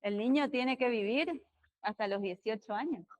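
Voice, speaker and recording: A woman with an Argentine accent teaches a law class in a classroom. Her voice sits a little high, and she tends to get loud as she explains. She keeps questioning her students as she goes. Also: normal speed. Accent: Argentine Spanish. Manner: lively, talks loud, asks students questions. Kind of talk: classroom lecture.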